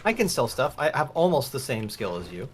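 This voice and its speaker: A man's voice: mid-range voice, sing-song, brisk, slight background noise. A man in his forties chatting casually during a co-op game, teasing and joking with his friends. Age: 40s. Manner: teasing, playful. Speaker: co-op player. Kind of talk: casual gaming chat.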